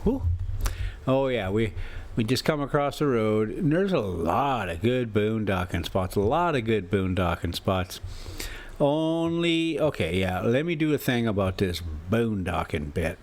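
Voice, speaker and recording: Speaking at a measured pace, this American vlogger has a fairly low, animated voice and a folksy, informal style. He alternates between loose, rambling conversation and reading aloud from a classic novel, in keeping with his work as a travel vlogger and storyteller.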